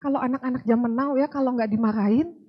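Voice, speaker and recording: A woman's voice: on the high side, fast talker, dull audio. A woman from Padang giving a casual sermon to a congregation, telling stories in a chatty way. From Padang, West Sumatra. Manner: chatty storytelling, acts out quotes. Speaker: preacher. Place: church service.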